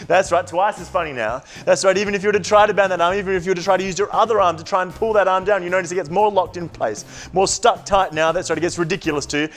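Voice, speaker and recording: A man's voice: high-pitched, fast, hardly any pauses. A man working as a stage hypnotist, speaking in repetitive, suggestive phrases. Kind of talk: comedy hypnosis patter and interview chat.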